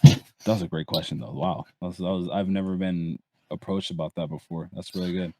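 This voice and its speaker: This early-twenties man from Barbados is a guest content creator on a casual podcast chat, rambling, restarting, and swearing casually. His voice sits low with a steady, mellow tone and a slightly fast pace, captured in a dry recording.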